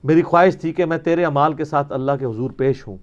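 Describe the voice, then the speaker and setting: The recording sounds lo-fi as a man with a fairly high-pitched voice lectures at a quick pace. He is a religious teacher taking questions, arguing mockingly and rhetorically while citing narrations.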